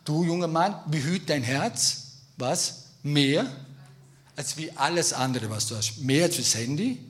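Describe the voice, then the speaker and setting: A man preaching a sermon in a lively, emphatic way, speaking straight to his congregation. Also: on the high side, measured pace. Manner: lively, emphatic, addresses listeners directly.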